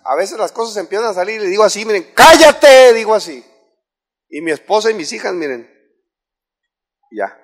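A man with a Mexican accent, preaching a sermon as pastor, asking many rhetorical questions and swinging between loud and soft delivery. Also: high-pitched. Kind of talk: sermon to a congregation.

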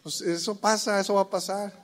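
A man's voice: sits high, fairly even intonation, brisk. A middle-aged man with a Mexican accent preaching a sermon as a pastor, folksy and joking, calling his listeners brothers.

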